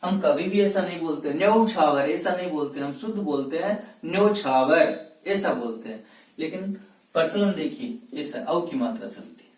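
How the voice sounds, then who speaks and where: A man with a somewhat high voice teaches a grammar class for exam students. He asks questions, answers them himself and drills words by repeating them. He sounds distant from the mic, in a room with a lot of echo. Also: lively intonation, normal speed, darkish tone. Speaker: Hindi teacher. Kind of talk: exam-prep grammar lesson.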